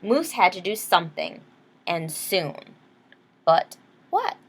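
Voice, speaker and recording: In a sing-song, slow, medium-pitched voice, a teacher reads a picture book aloud to young kids. She explains things in simple terms and checks in with questions, though the background is noisy.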